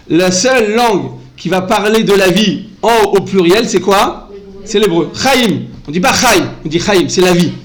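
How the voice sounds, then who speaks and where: A man giving an animated Torah class, often calling out to his listeners and mixing in Hebrew terms. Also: high-pitched, low-quality recording. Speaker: rabbi teaching a Torah class. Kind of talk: lively Torah lesson.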